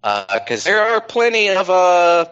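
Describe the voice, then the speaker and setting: A man's voice: sits high, big pitch swings, measured pace, a bit bright, clean tone. A man chatting casually as a podcast host, rambling with many ums and restarts. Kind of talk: casual chat. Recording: slightly dull lo-fi sound.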